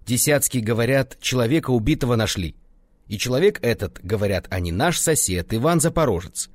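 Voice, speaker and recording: A man voicing a peasant wife who shouts and scolds her deaf old husband. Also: lowish voice, very animated, normal speed, breathy edge, no echo. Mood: scolding.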